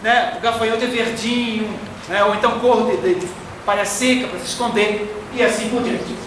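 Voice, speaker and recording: A man from Florianópolis with a Brazilian Portuguese accent, giving a slow, didactic spiritist lecture. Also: sits high, steady tone. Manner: didactic, slow and deliberate, fond of diminutives. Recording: echoey hall from far off, faint noise.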